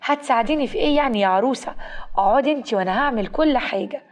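A woman's voice: fairly high pitch, racing, natural voice. A woman in Egyptian Arabic voicing a kind young sister-in-law who is affectionate and insistent, in a storybook tale.

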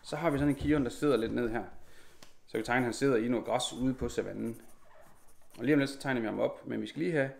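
A man in his thirties teaching a live online drawing lesson from home, calmly narrating each stroke as he draws. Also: mid-range voice, creaky.

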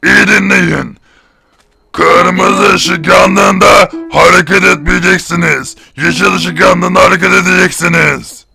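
A man's voice: high voice, steady tone, creaky, bright, forceful tone, faint music behind, exaggerated voice. A man voicing a stern male announcer who coldly lays out the rules of a deadly game. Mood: commanding. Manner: slow, commanding, curt orders. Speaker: game host figure.

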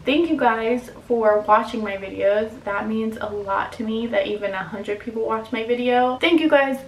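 Candid young woman vlogging, gravelly voice. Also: a little high, normal speed, echoey room, slight background noise, poor audio. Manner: candid, confessional, filler-heavy. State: emotional, near tears. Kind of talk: casual talk to camera.

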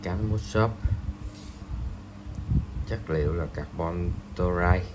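A man reviewing a fishing rod in a hesitant voice-over, pausing often and filling gaps. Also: low voice, background noise. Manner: slow, hesitant, many pauses and fillers.

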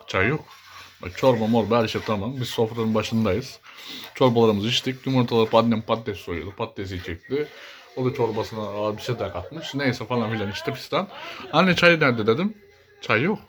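Chatty teasing man vlogging at home. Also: lowish voice. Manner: chatty and teasing, often laughing. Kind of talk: casual home vlog chat. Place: village house kitchen, indoors.

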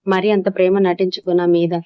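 A furious, hurt young wife from a spoken storybook drama, read out by a woman narrator. She shouts her lines in a flat, even tone. The recording is dull and dry. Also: on the low side, a little fast, clean tone, dry recording, natural voice. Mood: angry. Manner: shouting angrily.

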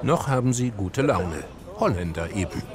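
A man's voice: on the low side, lively intonation, moderate pace. A man giving scripted TV documentary narration with a dry, wry delivery.

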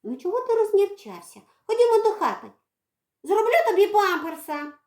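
A woman's voice: extremely high pitch, sing-song, normal speed, voice pushed up. A woman voicing a bossy little girl who mothers a cat, scolding in a strict, sing-song way. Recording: echoey room.

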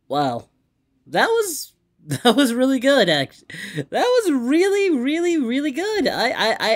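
A performer voicing Goku as an upbeat cartoon hero who gives casual, approving reaction commentary and often stumbles over repeated words. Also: mid-range voice. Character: Goku, cheerful cartoon martial-arts hero reacting to music. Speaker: reaction video host. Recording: music playing behind.

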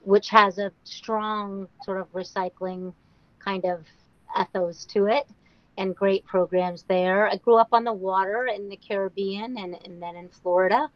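A woman from Denmark, a marine ecologist on a panel, talking fluently in quick animated bursts on a video call. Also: medium pitch, no room sound, highs cut off.

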